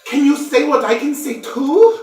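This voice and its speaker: A man voicing a small, naive, childlike creature that gushes in a high, squeaky, breathless voice in a tabletop game. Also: very animated, a little slow, a little mellow, roomy sound, distant mic, full character voice. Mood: jubilant. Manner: breathless, gushing.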